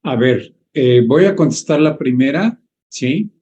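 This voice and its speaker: A doctor with a darker, mellow voice explains nutrition topics in a live online Q&A. He talks in a didactic way and often stops to check that his listeners are following. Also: mid-range voice, expressive, measured pace, dull audio. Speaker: doctor answering questions.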